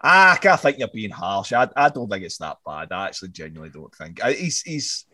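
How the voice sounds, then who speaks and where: A chatty Scottish man hosts a relaxed talk show, his pitch swinging up and down as he goes. The sound is dry and close. He fills gaps with ums and restarts. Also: a little fast, no room sound. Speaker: podcast host. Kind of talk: casual chat.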